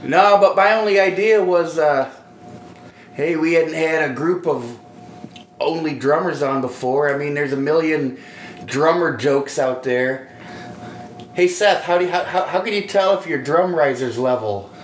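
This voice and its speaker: A joking man with a somewhat high voice co-hosts a loose podcast chat and is quick to cut in. His voice rings in an echoey room, with faint noise underneath. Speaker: podcast co-host. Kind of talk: casual chat.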